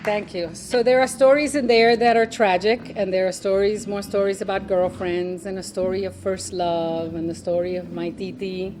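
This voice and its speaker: A woman, an author, reading from her memoir at a live event, animated and chuckling, with spoken asides. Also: mid-range voice, normal speed, hardly any pauses, background noise.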